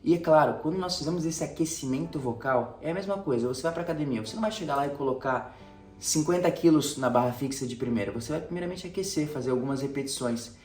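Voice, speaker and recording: A man's voice: a little high, fast, a little mellow. A man, a sales coach who teaches by listing numbered tips and giving everyday examples. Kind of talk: spoken sales tips to camera. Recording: roomy echo, distant mic, faint music.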